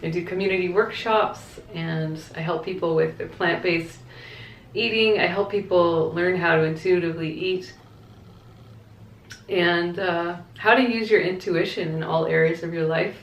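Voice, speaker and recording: Lower-voiced woman vlogger in an echoey room. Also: fairly even intonation, moderate pace. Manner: candid, reflective, conversational. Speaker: vlogger answering viewer questions. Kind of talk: casual chatty Q&A to camera. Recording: echoey, roomy sound.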